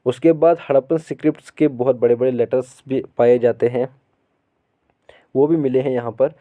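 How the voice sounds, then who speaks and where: A man teaching a school history lesson, reading English textbook lines slowly and then explaining them at length, with many repetitions. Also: mid-range voice, fairly even intonation, dark tone. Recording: phone-like narrow sound.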